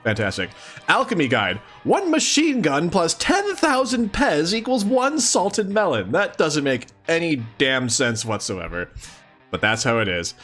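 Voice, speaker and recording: This male streamer, whose voice is fairly high and a bit bright with a breathy edge, does a casual live read-along of a comic. He reads with expression and adds mock-incredulous remarks.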